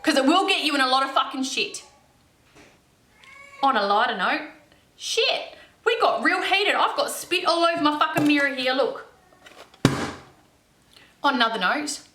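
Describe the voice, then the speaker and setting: A young woman rants to camera at home, blunt and swearing freely. Her voice sits high and sounds sharp and bright. The room around her echoes noticeably. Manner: heated, swears constantly, blunt. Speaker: makeup vlogger. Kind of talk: ranting casual vlog. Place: home, in front of a mirror.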